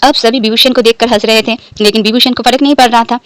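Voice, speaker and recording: A woman narrates a romance fan fiction story into a close microphone, so the sound is dry and intimate. Her voice sits a little higher than most, and her storytelling is steady and unhurried. She gives the characters' lines a light touch while staying in her own voice. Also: dry recording, low-quality recording.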